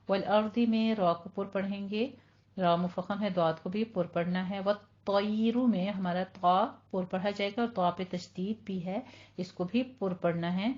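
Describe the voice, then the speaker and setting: A woman teaching a Quran recitation lesson. She patiently explains each pronunciation rule and then slowly recites the Arabic words herself. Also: mid-range voice, a little mellow, dull audio. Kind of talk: online tajweed lesson.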